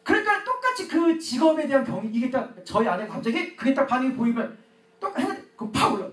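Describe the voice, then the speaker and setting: A middle-aged male pastor gives an animated sermon, acting out his own prayers and quarrels. His pitch swings widely from line to line. He is heard from some distance in an echoey church sanctuary. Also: quick pace.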